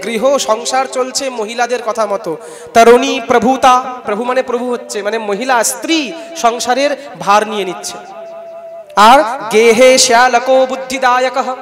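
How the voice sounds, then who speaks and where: A man with a Bengali accent giving a devotional scripture discourse, chanting Sanskrit verses loudly and then explaining them conversationally while urging the audience to respond. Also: very high voice, long reverb tail. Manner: urges the audience to call out responses. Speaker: Bhagavat katha preacher. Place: large festival gathering hall.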